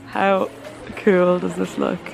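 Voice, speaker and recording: Chatty low-voiced woman vlogging. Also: steady tone, moderate pace, over music, rough recording. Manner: chatty and gushing, many "like" fillers. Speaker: travel vlogger. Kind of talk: casual vlog narration to camera.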